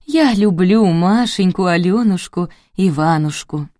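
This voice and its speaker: A woman's voice: lowish voice, animated, a little slow, warm tone, no room sound, clean studio sound. A woman reading as a whiny housekeeper. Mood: complaining. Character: self-pitying middle-aged housekeeper woman.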